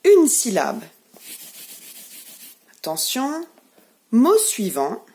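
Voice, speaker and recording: French preschool teacher, woman, slow and lilting, fairly high voice, gentle and carefully articulated. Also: wildly swooping pitch. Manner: slow, gentle and clearly articulated, leading children through syllable clapping. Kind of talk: remote lesson for young children.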